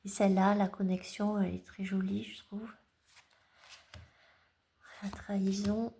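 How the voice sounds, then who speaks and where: A woman's voice: medium pitch, little pitch movement, measured pace, creaky, dark tone, slight background noise. A woman chatting at home in a casual vlog, showing her tarot cards, hesitant with many fillers and restarts. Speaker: tarot collector vlogger. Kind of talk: casual show-and-tell vlog.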